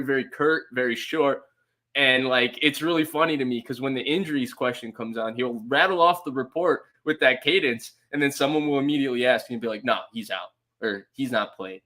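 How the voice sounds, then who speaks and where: A man's voice: mid-range voice, bright, forceful tone. A man hosting a sports podcast in casual chat, observant and talkative, with frequent "like" fillers. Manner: chatty and observant, many fillers like "like". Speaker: podcast host.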